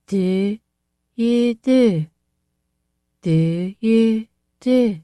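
A woman voicing a simple-minded young girl with a thick, weak voice who echoes words back in halting babble. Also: fairly high pitch, dark tone, smooth, clean studio sound, voice pushed up. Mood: fretful.

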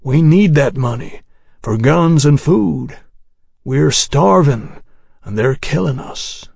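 A man voicing a terse, merciless ranger who talks in blunt, rough grammar, in a storybook reading. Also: fairly high pitch, lively intonation, slow, a little mellow, no room sound, clean studio sound, heavily acted. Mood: grim accusing. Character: grim male ranger assassin, terse and merciless.

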